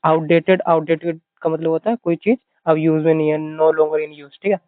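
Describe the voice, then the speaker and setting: Delivering an exam-prep vocabulary lesson in a flat, slightly high voice at normal speed, a man keeps repeating himself and saying "theek hai," explaining words with mnemonics. The thin, phone-like audio has no echo.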